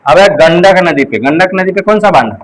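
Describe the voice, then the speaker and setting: A man teaching an exam coaching class in a high voice. He quizzes his students over and over and repeats the answers in drills. He leans on memory tricks to make the facts stick. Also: lively intonation, brisk, slight background noise, poor audio. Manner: call-and-response drilling with mnemonics.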